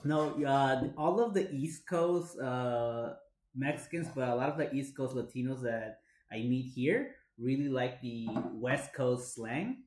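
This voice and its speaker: A man's voice: medium pitch, expressive, a little slow, darkish tone. A man with a Chicano East LA accent chatting casually on a livestream, mixing Mexican Spanish slang into his English. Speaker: co-host of a cooking livestream. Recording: echoey room.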